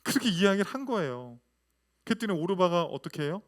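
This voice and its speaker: A man in his thirties, a pastor, preaching a lively sermon full of rhetorical questions to his congregation. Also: high-pitched, quick pace.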